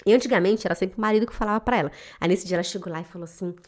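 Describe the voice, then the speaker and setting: A woman's voice: medium pitch, rapid-fire, a little mellow. A woman, a German teacher who speaks emotionally and emphatically straight to her viewers in a motivational vlog. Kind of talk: direct-to-camera motivational vlog. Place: home in Switzerland.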